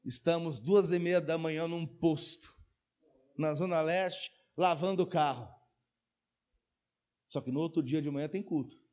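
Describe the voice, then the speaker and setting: A male pastor delivering an animated sermon with a fairly high voice. He tells anecdotes, acts out the quoted dialogue, and swings between hushed asides and loud, exclaimed peaks. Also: unhurried, pauses often. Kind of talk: sermon with storytelling.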